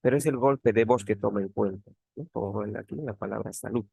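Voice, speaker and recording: A man's voice: lowish voice, fast, creaky, a little mellow, husky, no room sound. A man teaching an online grammar class as a teaching assistant, repeating key words and asking tag questions. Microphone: computer mic on a video call.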